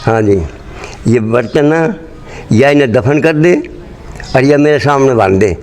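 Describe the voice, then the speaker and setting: Speaking unhurriedly with lively intonation and a darkish, mid-range tone, an old man of 80 or more rambles through bluntly told, earthy memories. He is a Haryanvi-accented partition migrant originally from Rohtak, Haryana, in pre-partition India, answering an interview amid obviously noisy surroundings.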